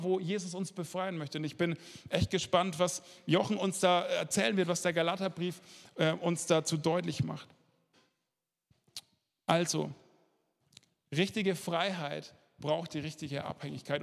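A man's voice: sits high, gravelly. A man preaching a sermon and putting direct, challenging questions to his listeners. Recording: long hall reverb, faint music.

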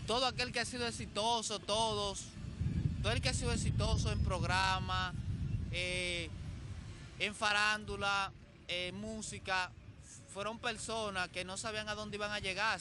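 A man's voice: sits high, steady tone, moderate pace, background noise. A man chatting casually on a podcast, telling personal stories and checking that his listener follows along. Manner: tells personal anecdotes, often asks "you know?". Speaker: podcast co-host. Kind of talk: casual chat. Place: outdoors beside a street, people nearby.

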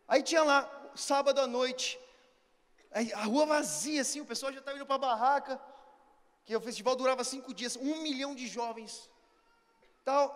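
A man preaching a storytelling sermon, animated, swinging from hushed asides to shouted lines. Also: very high voice, in a large hall.

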